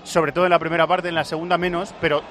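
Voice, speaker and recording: A man's voice: fairly high pitch, flat delivery, fast, a bit bright, a little hiss or hum. A man giving conversational football analysis before a match.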